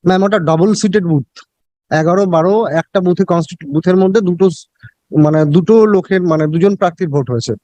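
High-voiced, rapid-fire, defensive Bengali man. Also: a little mellow, no echo, highs cut off. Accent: Bengali Indian. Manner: deferential, defensive, halting with repeated words. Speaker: government election returning officer answering in court. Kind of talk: answering questions in a court hearing.

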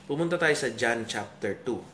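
A man's voice: medium pitch, animated, normal speed, noisy background. Emphatic preacher man in an echoey hall. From Philippines. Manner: emphatic, rhetorical questions, calls of hallelujah. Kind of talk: morning devotion sermon. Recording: roomy hall with faint ambience.

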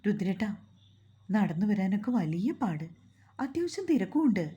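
A woman's voice: medium pitch, very animated, normal speed, warm tone, slightly rough, muffled recording. A woman storyteller voicing a playful young wife who teases and coaxes her husband. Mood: coaxing. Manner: coaxing, pleading, playful.

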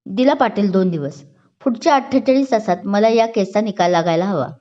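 A woman's voice: mid-range voice, fairly quick, dark tone, natural voice. A woman voicing a stern, angry male police superior who scolds and makes impatient demands. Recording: dull lo-fi recording.

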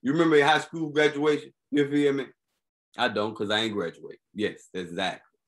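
A podcast host with a medium-pitched voice at normal speed riffs on news stories in a casual, comedic, slangy way. He's animated and keeps checking in with the listener, asking "you feel me."

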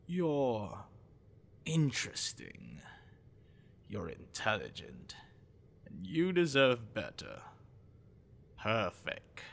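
A man with a medium-pitched, fairly bright voice performs a full character voice as a creepy, obsessed young shapeshifter boyfriend in an ASMR roleplay. He sounds intimate and possessive, using lots of vocal fry and dragging his words out slowly.

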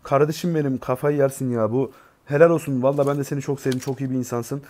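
A man's voice: mid-range voice, steady tone, quick pace, a little mellow. Exasperated male gaming streamer. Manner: exasperated, swears oaths constantly, addresses viewers. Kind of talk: live mobile game commentary. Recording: gameplay gunfire in background.

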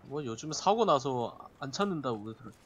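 A man's voice: medium pitch, lively intonation, brisk, slight background noise. A man in his mid-twenties chatting politely with his squad while playing a shooter. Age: 20s. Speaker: squad player. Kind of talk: casual gaming chat.

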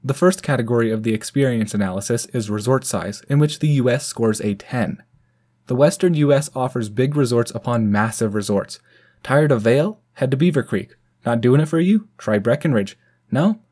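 A man's voice: mid-range voice, normal speed, darkish tone, husky. A man from the United States hosting a channel and narrating a scripted ski review as voice-over. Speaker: channel host.

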